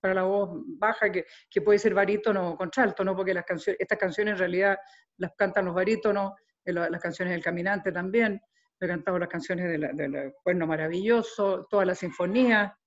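A woman's voice: lowish voice, brisk. Older Chilean woman, muffled recording. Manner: animated, repeats words while gathering thoughts. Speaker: interviewed singer. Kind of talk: casual interview. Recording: dull lo-fi sound.

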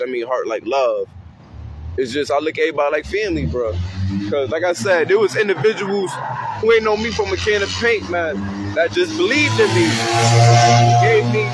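Guy talking slangy and heartfelt out on the street, kinda high voice, little traffic hum behind. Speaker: community outreach speaker. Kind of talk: casual street talk to camera. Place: outdoors on a city street. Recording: faint street noise outdoors.

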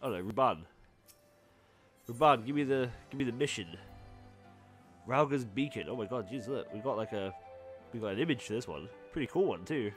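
A man's voice: mid-range voice, animated, normal speed, pauses often, soft background music. A man playing a video game with a co-player, commenting casually and reading dialogue aloud, with plenty of restarts and the odd swear. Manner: rambling, self-correcting, swears casually. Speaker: let's play host.

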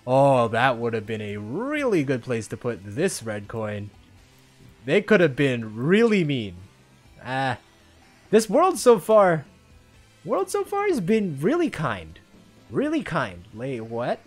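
A gamer giving excitable let's-play commentary, reacting aloud and talking to themself, with faint game music behind. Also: medium pitch, takes it slowly. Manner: excitable, reacts loudly with exclamations and self-talk. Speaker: gamer playing a Roblox obstacle game.

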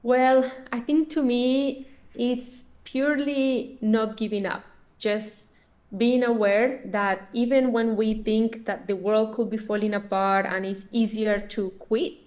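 A woman's voice: fairly high pitch, steady tone, takes it slowly, darkish tone. Woman in her 30s, earnest guest on a podcast, restarts a lot. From Colombia. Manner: earnest, reflective, with frequent restarts. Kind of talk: podcast interview.

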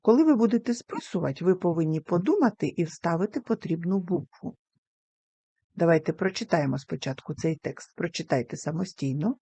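A woman teacher giving a recorded lesson to young children, speaking slowly and carefully and sounding out words syllable by syllable. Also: on the low side, lively intonation, mellow, dry recording. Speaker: primary school teacher.

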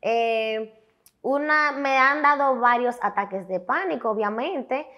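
A young woman with a Dominican Spanish accent, a guest telling her story in a candid, emphatic, animated way. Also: a little high, slow, dull audio. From Dominican Republic. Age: young adult. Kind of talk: candid interview talk.

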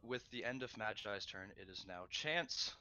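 A man's voice: fairly low pitch, lively intonation, moderate pace, pushed and bright. A man running a tabletop game as game master, narrating casually with many ums and the odd swear.

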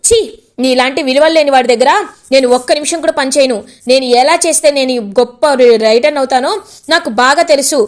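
A woman's voice: sits high, steady tone, quick pace, close to an everyday voice. Woman doing a meek apologetic young man. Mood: indignant. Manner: deferential, apologetic. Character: polite meek young male writer.

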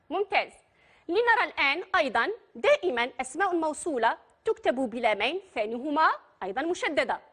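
A woman with an Algerian accent teaches children an Arabic grammar lesson at primary school. Her voice is high and fairly bright, and she patiently speaks to her pupils directly, asking them questions.

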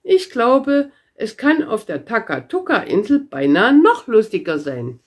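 A woman's voice: a little high, sing-song, measured pace. A woman voicing a cheerful, boastful young girl in a storybook read-aloud, with a bouncy, carefree manner. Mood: merry. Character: cheerful, boastful red-haired girl, very strong.

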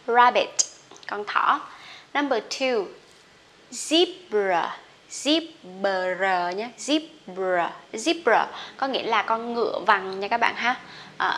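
A woman's voice: fairly high pitch, pushed and bright. A young woman teaching English vocabulary, patiently repeating each word and adding chatty asides to the learners. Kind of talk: vocabulary lesson with repetition drills.

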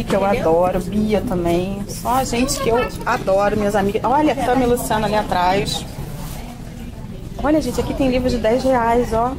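A woman author chatting casually while filming a walkthrough of an event, excited and greeting people as she goes. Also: a little high. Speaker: author vlogging at a book event. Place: busy indoor event venue. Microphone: handheld phone camera. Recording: loud crowd noise around. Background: loud crowd chatter.

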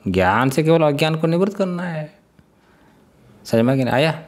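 A male spiritual teacher giving a scripture class, often putting questions to his listeners, chuckling and sounding out syllables slowly. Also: fairly high pitch, lively intonation. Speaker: Vedanta teacher.

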